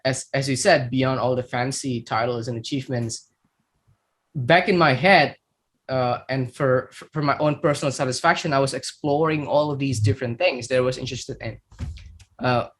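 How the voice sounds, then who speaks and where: Indonesian-accented man, reflective podcast guest, hesitant fillers, average pitch. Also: steady tone, normal speed, a bit bright. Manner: reflective, many fillers and repeated words. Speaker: startup founder guest. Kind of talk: podcast interview, personal story.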